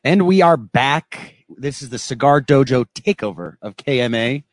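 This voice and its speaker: Lively, joking male co-host. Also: medium pitch, normal speed, no room sound, studio quality. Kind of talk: casual radio chat.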